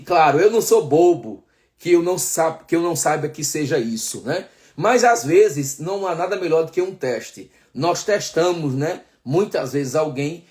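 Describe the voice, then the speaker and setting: A man from Brazil with a somewhat high voice delivers a sermon. He keeps checking in with his listeners and calls them brothers, stretching out key phrases for weight. He slips into the voices of the friends and people he tells about. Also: a little mellow. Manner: addresses listeners as brothers, frequent tag questions; slows down for emphasis, acts out quoted dialogue. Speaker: pastor.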